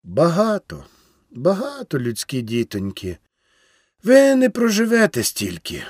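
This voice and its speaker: A man reading a storybook and voicing a frail, gentle old peasant woman in a raised, plaintive voice. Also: on the high side, wildly swooping pitch, measured pace, slightly rough, no room sound, clean studio sound, voice pushed up, exaggerated voice. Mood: wry.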